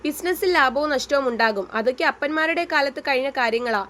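Brief: woman reading as a soft-spoken young man in an audio story, coaxing, high-pitched voice. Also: fast, a little hiss or hum. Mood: soothing. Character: gentle young man, soothing, reassuring lover.

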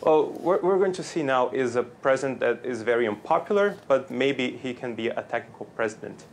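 A man in his thirties with a Brazilian accent, giving measured, explanatory analysis as a guest in a news interview. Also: medium pitch, lively intonation. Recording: clear ambient background noise.

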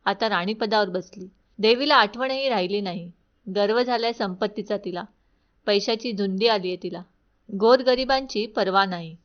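A woman's voice: medium pitch, normal speed, natural voice. Woman doing a cranky old beggar lady, scolding and bitter, storybook telling, muffled lo-fi sound. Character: angry poor old woman beggar with a stick. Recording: dull lo-fi recording.

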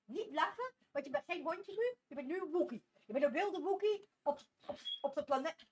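A woman's voice: extremely high pitch, animated, moderate pace, a little mellow, a little hiss or hum. A woman chatting playfully to her dog at home in teasing baby talk, often laughing. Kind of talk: casual vlog talking to a pet.

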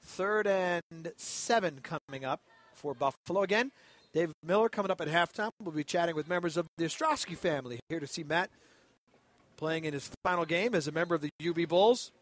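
High-voiced play-by-play man. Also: brisk. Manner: conversational, rambling with fillers. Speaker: play-by-play announcer. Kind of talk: sports commentary.

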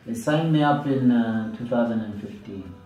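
A man in his thirties, a musician from Zambia, answering interview questions in a relaxed, unhurried way with fillers. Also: medium pitch, muffled recording. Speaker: musician guest. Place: small studio room, indoors. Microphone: studio mic on stand, headphones. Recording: roomy, slightly distant mic with music underneath.

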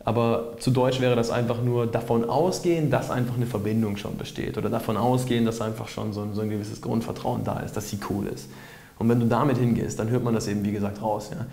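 A man's voice: medium pitch, fast talker, gravelly. A man coaching viewers on flirting in a casual, chatty monologue and acting out sample lines. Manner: acts out nervous and relaxed example lines. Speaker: dating coach. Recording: roomy echo.

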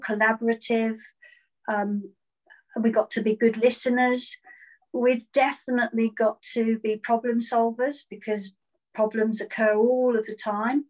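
A woman's voice: fairly high pitch, poor audio. A woman, a school head, answering interview questions earnestly on a video call and often repeating words as she starts a thought. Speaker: virtual school head teacher. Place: indoor room at home.

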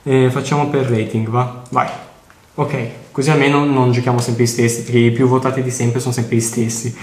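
A man's voice: medium pitch, little pitch movement, brisk. A man from Italy commenting on a video game, keeping his voice down so he won't wake the people sleeping in a house at night. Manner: talking softly so as not to wake people. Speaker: gaming video host. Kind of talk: gameplay commentary. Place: someone else's house at night. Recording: echoey room, faint noise.

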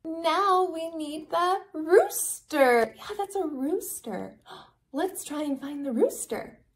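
Female kids' host, thirties. Very high, lively pitch, simple sing-song teaching, as if reading to a toddler. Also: slow pace. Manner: sing-song, exaggerated, repeating simple phrases. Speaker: children's educational video host. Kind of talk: toddler lesson, talking slowly and simply to a small child.

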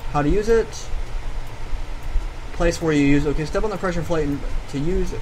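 A man's voice: a little high, moderate pace, faint music behind, low-quality recording. A man hosting a video game playthrough in casual commentary, reading on-screen text aloud. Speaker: gaming video host. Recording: steady loud fan hum behind the voice. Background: fan noise.

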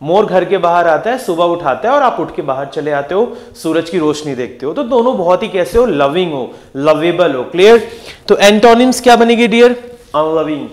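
The speaker is a young man with a fairly high-pitched voice running a lively exam-prep vocabulary class. Repeating each word, he throws quick questions at his students to keep them focused and help the words stick.

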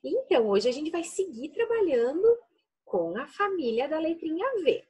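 A woman teacher with a Brazilian Portuguese accent, giving an early-literacy lesson to young children in slow, affectionate teacher talk, sounding out words syllable by syllable. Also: high voice, sing-song, darkish tone.

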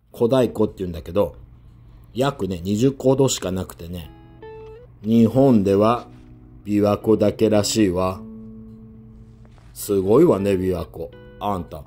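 A man talking casually while fishing outdoors from a lakeside pier, speaking in a soft, feminine manner, picked up by a worn action camera. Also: lowish voice. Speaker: fishing vlogger.

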